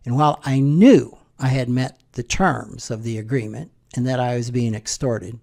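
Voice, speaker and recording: A middle-aged American man tells a personal story in a relaxed, wry commentary style. His voice has a gravelly edge and sits at an ordinary mid pitch. He clears his throat now and then. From United States. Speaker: financial planner.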